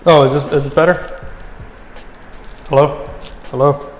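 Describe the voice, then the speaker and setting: A man's voice: a little high, steady tone, unhurried, faint music behind. A man in his twenties from Alabama, talking hesitantly in a casual voice chat, his voice hollow and distant as if through a tube. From Alabama, USA. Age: 20s. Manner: hesitant, with many fillers. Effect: hollow, far-off voice chat sound, as if talking through a tube. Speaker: voice chat participant. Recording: hollow echoey voice chat line.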